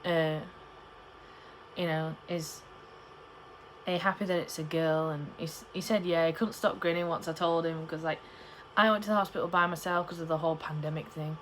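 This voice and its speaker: Young woman, slightly low pitch, chatty rambling vlogger delivery, some background noise. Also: fairly even intonation, brisk, fairly bright tone, low-quality recording. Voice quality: cannot pronounce P in the middle of words. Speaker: pregnancy vlogger. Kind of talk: casual chat to camera.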